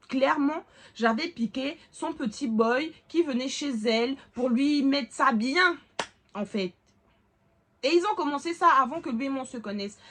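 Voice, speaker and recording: A woman's voice: on the high side, fairly bright tone. A young woman vlogger telling a personal story in casual chat, emphatic and laughing often.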